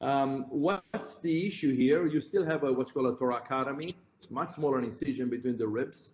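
A man with a Romanian accent, a heart surgeon, presents at a conference, explaining step by step, correcting himself and gesturing toward his slides. His voice is medium-pitched and moderately paced, and the recording has roomy echo with faint background noise.

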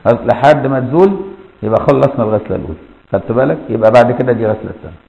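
A man's voice: mid-range voice, racing, vocal fry. A man with an Egyptian Arabic accent teaching a colloquial classroom lesson, explaining step by step and often checking that listeners follow. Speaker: Islamic jurisprudence teacher. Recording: echoey, dull lo-fi room recording.

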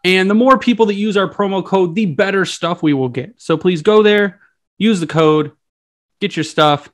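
A man's voice: high-pitched, moderate pace. A man co-hosting a podcast in a teasing, joking way. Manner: jokey, teasing. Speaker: podcast co-host. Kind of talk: casual podcast chat and ad read.

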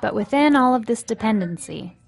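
Gravelly-voiced woman news reporter. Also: fairly high pitch, expressive. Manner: measured storytelling delivery. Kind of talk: scripted news narration.

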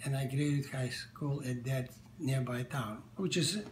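A man in his seventies with a Bulgarian accent, whose first language is Bulgarian, answers interview questions in a halting way, with many fillers and restarts, from a living room sofa. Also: mid-range voice, a little hiss or hum. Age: 70s. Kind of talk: casual interview. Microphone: camera at medium distance. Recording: echoey room.

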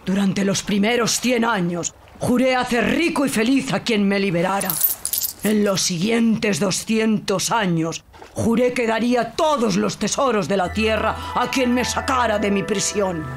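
A storyteller voicing a huge, boastful male genie in a fairy tale, with a slow, booming, drawn-out delivery over background music. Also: lightly acted. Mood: menacing, booming. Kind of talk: storybook character voice.

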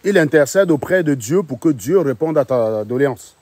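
Man, casual storyteller, husky higher voice, dry sound, animated delivery. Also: moderate pace, no echo. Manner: animated, laughing, repeats himself.

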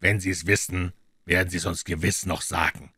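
A man voicing a calm, courteous captor who threatens quietly. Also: sits low, brisk, husky, no room sound, clean studio sound, heavily acted. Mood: calm menace. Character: calm polite menacing male captor.

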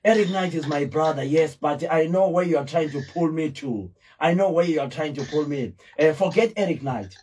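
Speaking at normal speed with hardly any pauses, this middle-aged radio show host has a fairly high, husky, darkish voice. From a small studio, using a studio mic and headphones, he teases his guest and repeats words to drive points home.

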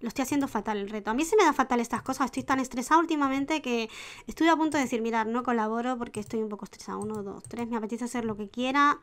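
A woman's voice: on the high side, very fast, fairly bright tone. A woman with a Spanish accent who now and then slips into an Argentine one, chatting casually over a life-sim game, counting aloud and dropping into whispers. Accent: Spanish (Spain), sliding into a put-on Argentine. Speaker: gaming YouTuber. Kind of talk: casual Sims gameplay commentary.

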